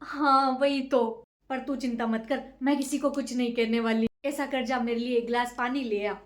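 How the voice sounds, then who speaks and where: A woman's voice: on the high side, fairly even intonation, moderate pace, close to an everyday voice. A woman playing a gossipy, boastful middle-aged mother who nags and lectures in a comic family sketch. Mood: chatty. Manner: nagging, lecturing, rhetorical 'है ना?' tags.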